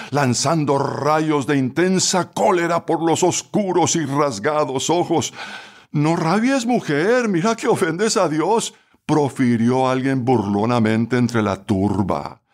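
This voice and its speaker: A man narrating a story for a radio program at a steady, measured pace, then turning to a spiritual reflection. His voice sits at an ordinary middle pitch.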